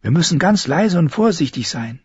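A man's voice: a little high, big pitch swings, normal speed, darkish tone, slightly rough, no room sound, lo-fi sound, pitched above the performer's own voice, exaggerated voice. A man voicing a fierce stubborn girl. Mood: hushed urgent. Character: fierce determined young girl, stubborn leader.

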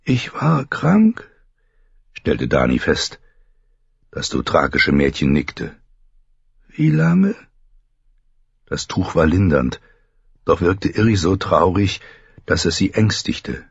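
A man narrating a fantasy audiobook in a measured, even storytelling manner, with a husky voice. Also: rumbling low, dry recording, muffled recording.

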